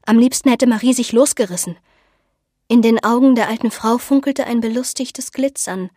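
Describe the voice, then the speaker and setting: A woman narrating a novel in measured, scripted audiobook storytelling. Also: fairly high pitch, mellow, dry recording, clean studio sound.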